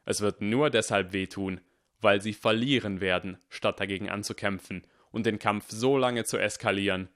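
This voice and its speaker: A man voicing a stern, cunning male teacher who speaks calmly, deliberately and firmly. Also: lowish voice, natural voice. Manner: calm, deliberate and firm.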